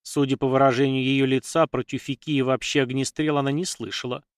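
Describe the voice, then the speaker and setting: Brief: man, mid pitch, steady fiction narration, dry booth sound. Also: a little fast, no echo. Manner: steady storytelling read. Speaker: audiobook narrator.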